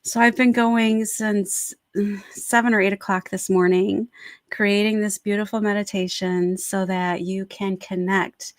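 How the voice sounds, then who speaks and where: A woman's voice: medium pitch, level tone, measured pace, dry recording. Woman, Reiki practitioner and host, chatty and encouraging, casual livestream talk, mid-range voice, very dry close recording. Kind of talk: casual livestream talk introducing a guided meditation.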